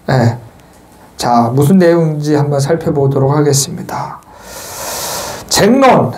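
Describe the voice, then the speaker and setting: Joking monk giving a temple sermon. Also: male voice, fairly high pitch. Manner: chatty and joking, teases the listeners, shouts chants to demonstrate. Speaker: Buddhist monk giving a Sunday dharma talk. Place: temple hall with listeners.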